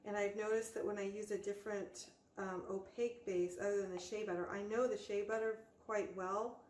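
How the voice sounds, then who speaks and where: A woman's voice: mid-range voice, fairly even intonation, fairly quick, darkish tone. A woman hosting a casual crafting tutorial, explaining informally step by step as she works. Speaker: host of a soap-making tutorial channel. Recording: roomy echo, faint background noise.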